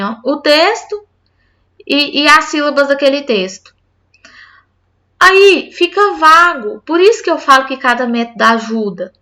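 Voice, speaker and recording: A woman literacy teacher talks casually to fellow teachers in a high, bright voice. She explains her classroom methods in a chatty way and keeps checking that her listeners are following. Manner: chatty, with frequent "tá?" and "gente".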